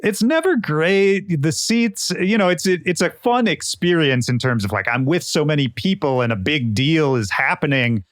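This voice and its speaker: A man's voice: a little high, very animated, normal speed, hardly any pauses, dry recording, studio quality. A man hosting a casual interview podcast, enthusiastic and chatty, asking long rambling questions. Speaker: podcast host.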